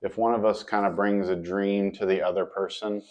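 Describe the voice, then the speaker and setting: Earnest, low-voiced man podcast co-host. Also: moderate pace. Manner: earnest and animated, acting out quoted dialogue.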